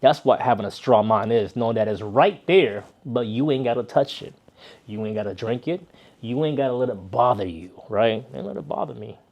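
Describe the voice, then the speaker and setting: A man's voice: medium pitch, lively intonation, normal speed, vocal fry, a little mellow, highs cut off. A man chatting casually to his viewers in a loose, rambling way, often checking in with "right?". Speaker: vlogger. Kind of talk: casual chat to camera.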